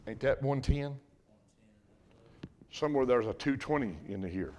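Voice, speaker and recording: An older man preaching a sermon, folksy and emphatic, swinging from loud bursts to hushed asides. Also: medium pitch, expressive, moderate pace. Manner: folksy, repeats and restarts phrases. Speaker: pastor.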